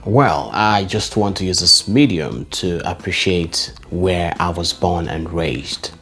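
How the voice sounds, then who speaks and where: A Nigerian man in his forties talking in a personal vlog, looking back nostalgically on his childhood neighborhood and listing names and shout-outs. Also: low-pitched, animated, slow pace. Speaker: vlogger.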